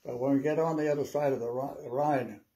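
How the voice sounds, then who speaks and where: A man in his nineties, an old veteran remembering his war days in a halting, rambling, conversational way with repeated words. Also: mid-range voice, fairly even intonation, mellow. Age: 90s. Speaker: WWII veteran interviewee. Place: small living room at home, seated.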